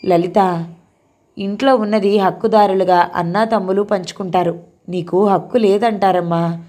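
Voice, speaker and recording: A woman voicing an ailing elderly father who speaks slowly and tenderly to his daughter. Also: mid-range voice, steady tone, warm tone, lightly acted.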